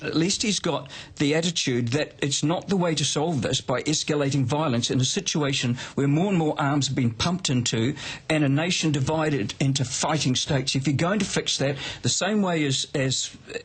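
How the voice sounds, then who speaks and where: Male panellist, higher-than-average voice with a husky edge, opinionated and plain-spoken in discussion. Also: normal speed. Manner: opinionated, colloquial.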